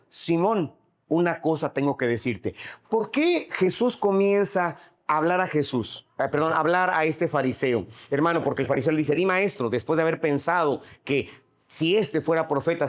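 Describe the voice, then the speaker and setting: Male preacher, a slightly high pitch, and a sermon style that asks the congregation questions and repeats key lines. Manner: repeats and rephrases phrases for emphasis.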